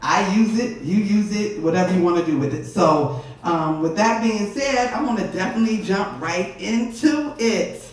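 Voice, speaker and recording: An energetic man hosting a live seminar, out of breath and laughing often as he talks to the room. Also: high voice, moderate pace. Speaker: seminar host. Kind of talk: live seminar opening address. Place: event room with a live audience. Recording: echoey room from far off.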